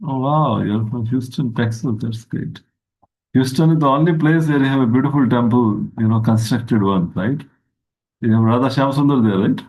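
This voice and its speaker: A man giving a slow, reflective spiritual talk over a video call, lifting his pitch for emphasis. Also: darkish tone, rough recording. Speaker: guest speaker.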